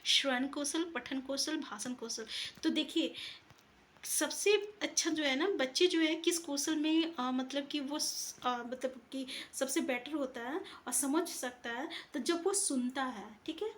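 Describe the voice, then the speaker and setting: A woman's voice: high-pitched, measured pace, a bit bright. A woman teaching an exam-prep lesson, working through answers step by step and often checking in with her students. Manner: explains answers step by step, often asks "ठीक है".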